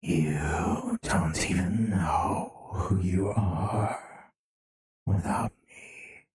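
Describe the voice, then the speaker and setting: A man's voice: sits low, extremely slow, heavy reverb, distant mic. A man voicing an unearthly, possessive, taunting voice inside a dreamer's head in a tabletop game. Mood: menacing, possessive. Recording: loud music behind.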